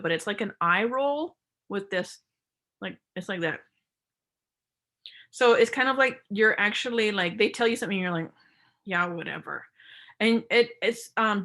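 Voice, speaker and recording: A woman's voice: mid-range voice, fairly bright tone. A woman giving a psychology workshop lecture, explaining casually and acting out short example quotes.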